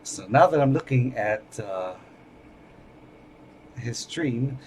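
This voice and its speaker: Older man from Hawaii, halting gamer chat. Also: mid-range voice, breathy edge. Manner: halting, restarts mid-sentence, relaxed. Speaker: game streamer. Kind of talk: casual live-stream chat while gaming.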